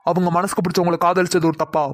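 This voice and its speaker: Male cartoon voice, family quarrel scenes, flat monotone delivery. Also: high-pitched, rapid-fire, dry recording. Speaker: cartoon voice artist voicing several male family members. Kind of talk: animated family drama dialogue.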